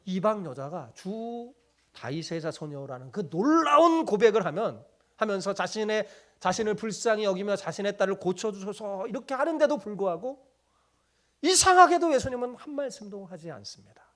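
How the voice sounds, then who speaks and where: A man's voice: high-pitched, expressive, normal speed, a bit bright. A middle-aged man, a pastor, preaching a sermon in a church. He keeps asking the congregation questions and then answers them himself, and he acts out the voices of people he quotes. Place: church sanctuary.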